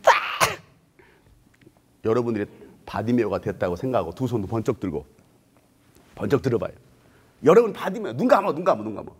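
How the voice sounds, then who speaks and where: A male pastor preaching a revival sermon at a university chapel, animated and playful with the crowd, often breaking into shouts. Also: medium pitch, fairly quick, pauses often, slightly rough.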